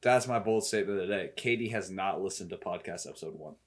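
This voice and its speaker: A man's voice: low-pitched, fast, husky. A young man co-hosting a podcast in casual chat, laid-back and joking. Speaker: podcast co-host.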